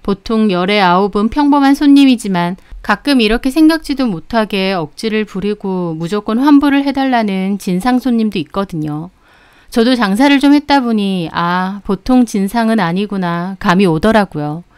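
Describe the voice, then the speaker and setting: A woman who owns a cake shop, calmly narrating a scripted story about her own experience in a steady way. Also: mid-range voice, moderate pace, smooth, no room sound. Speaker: bakery owner telling her story.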